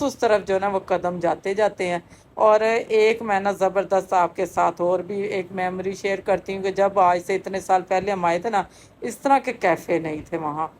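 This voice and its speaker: A woman's voice: medium pitch, a little mellow. Chatty woman vlogging. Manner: chatty, many fillers. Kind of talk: casual narration.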